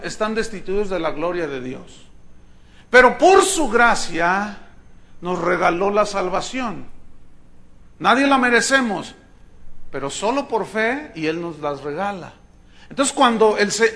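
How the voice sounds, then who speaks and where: A man preaching a sermon, explaining Bible verses one by one and often asking his listeners questions. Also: high voice. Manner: teaching Bible verse by verse, animated swings in loudness.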